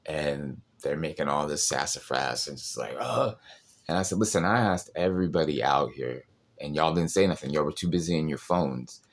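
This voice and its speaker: A man who works as a restaurant server, telling a story in a casual, animated way with lots of fillers. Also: a bass voice, fairly quick. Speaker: podcast host, restaurant server.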